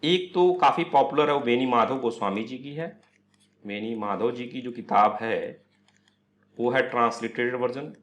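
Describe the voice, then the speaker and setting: Male tutor, middle pitch, lecture-style explainer who quizzes and answers himself, code-mixing English. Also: normal speed. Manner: explains step by step, asks and answers own questions; mixes English words into Hindi. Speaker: astrology teacher. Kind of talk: online class lecture.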